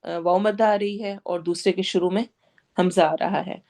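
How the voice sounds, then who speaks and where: A woman with a Pakistani Urdu accent leads a tajweed lesson in a patient teaching voice. She stretches each recited word slowly to show its sounds. Her explanations in Urdu are mixed with English terms. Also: lowish voice, steady tone, creaky, dark tone.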